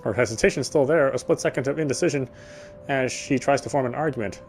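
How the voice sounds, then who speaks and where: A guarded young man with a dry wit and a quiet soft spot, voiced by a man at an everyday middle pitch. He muses to himself in a wry, introspective way in this horror game, with a faint low rumble underneath. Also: quick pace, lightly acted. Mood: reflective. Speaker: game protagonist. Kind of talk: first-person inner monologue and dialogue.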